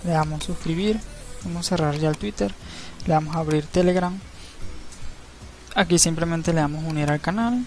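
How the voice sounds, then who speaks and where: A man narrating a screen-recorded tutorial, explaining each step in a relaxed, easygoing way and often checking in with the viewer. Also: fairly high pitch, moderate pace, pauses often. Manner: relaxed, step-by-step, frequent tag questions. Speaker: crypto channel host. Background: faint background music.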